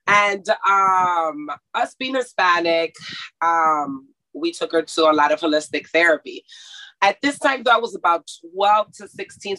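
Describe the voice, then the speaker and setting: Raised in Mexico and schooled in Texas, this woman works as a massage therapist and chats casually in an interview, often laughing and restarting her sentences. Her voice is fairly low, bright and forceful, captured on a rough recording.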